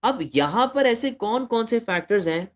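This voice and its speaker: A man's voice: very high-pitched, expressive, moderate pace. Man teaching economics. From Pakistan. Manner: addresses students as beta, asks rhetorical questions, mixes in English. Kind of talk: recorded lecture.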